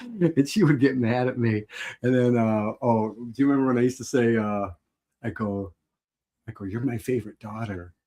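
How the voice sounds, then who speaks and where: A middle-aged man with a husky voice, rambling with restarts as he reminisces in a casual chat. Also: mid-range voice, normal speed, dark tone. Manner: rambling, with frequent restarts and laughs.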